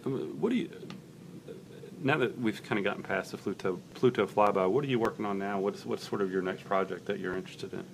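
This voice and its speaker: A man's voice: fairly low pitch, a little fast, gravelly, a little hiss or hum. A man interviewing a guest in a casual live-stream chat, asking light, playful questions.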